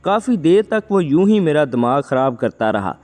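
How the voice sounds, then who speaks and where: A man narrating a dramatic first-person story in an expressive reading, with faint music behind him. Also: fairly high pitch. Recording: long reverb, faint background music.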